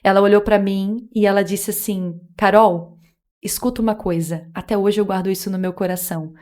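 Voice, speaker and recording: A woman's voice: medium pitch, fairly even intonation, normal speed, a little mellow. A woman guest, telling her faith testimony in casual chat, earnest and emotional, acting out remembered dialogue. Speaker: podcast guest.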